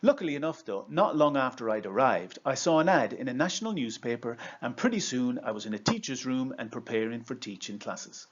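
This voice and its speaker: Casting: Irish man, 50s, mid-pitched, measured storytelling presenter and trainer, slightly dull lo-fi recording. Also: sing-song, slightly rough. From Ireland. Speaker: coach and trainer. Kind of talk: prepared video presentation with storytelling.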